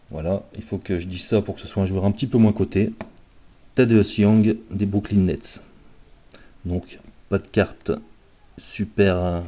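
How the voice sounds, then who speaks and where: Man, fairly low voice, casual unboxing commentary, playful and self-mocking, dull lo-fi sound. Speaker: card collector opening packs. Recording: dull lo-fi recording.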